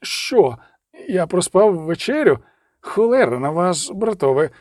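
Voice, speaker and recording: Male reader as a cranky old monk, rattling high voice, indignant grumbling. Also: big pitch swings, a little slow, darkish tone, no room sound, clean studio sound.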